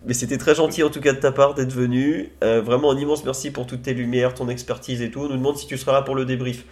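A man's voice: mid-range voice, quick pace. Casual French-speaking male stream host. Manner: relaxed, many fillers and restarts. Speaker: host of a football live stream. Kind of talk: casual live stream chat.

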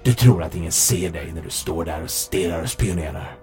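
A man voicing a cold, menacing masked man whose voice runs through a metallic voice changer, hushed and threatening, in an audiobook. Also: low-pitched, husky, soft background music. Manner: hushed, threatening, spits curses. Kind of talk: audiobook narration.

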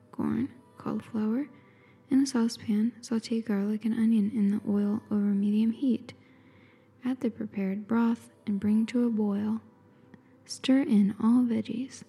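A woman in an intimate ASMR whisper, close as if right in the listener's ear, calmly describing and reading aloud without hurry. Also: on the high side, creaky, breathy edge. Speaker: ASMR host.

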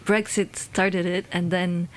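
A woman's voice: lowish voice, little pitch movement, takes it slowly. A London-born woman, a guest in a conversational interview, talking in a hesitant way with many fillers and restarts.

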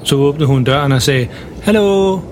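A man's voice: medium pitch, a little hiss or hum. A man narrating a children's story in simple, plain storytelling.

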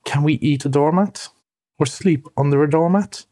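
A man's voice: a little high, dark tone, natural voice. A man doing a fussy pettish male mole. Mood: exasperated. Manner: prim, slow, indignant. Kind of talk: audiobook reading.

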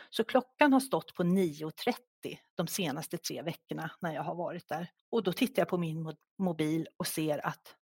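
A middle-aged woman, a guest author in an interview, telling a personal story in a soft, halting, reflective way. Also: on the low side, gravelly, husky, no room sound, studio quality.

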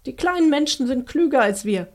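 Big simple-minded storybook giants arguing in a rush, voiced by a woman who reads them aloud. The voice sits fairly high and hurries along with insistent, pushing phrasing. It stays close to her own reading voice. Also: expressive, a little fast, a little mellow.

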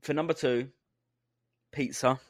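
A man's voice: medium pitch, fairly even intonation, unhurried, dry recording, studio quality. A young English man co-hosting a podcast, chatting casually and jokingly about food. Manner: jokey, rambling food talk with laughs. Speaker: podcast co-host. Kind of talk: casual chat.

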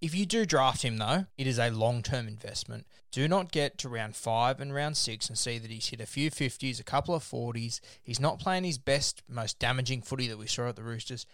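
A man's voice: mid-range voice, a little fast, few pauses, fairly bright tone, no room sound, studio quality. A man with an Australian accent hosting a casual sports discussion and moving through a ranked list. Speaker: podcast host.

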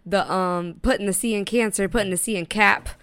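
A woman's voice: mid-range voice, fairly even intonation, a little fast, a bit bright, smooth, no echo. A young woman with a mid-range voice hosts a casual podcast in a dry, close space. She is slangy, playful and irreverent as she chats. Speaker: podcast host. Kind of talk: casual chat.

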